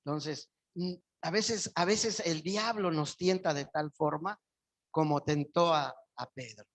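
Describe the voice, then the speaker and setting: A man's voice: on the high side, a little slow. A male pastor preaching a sermon in church, his voice surging up with emphasis on key phrases.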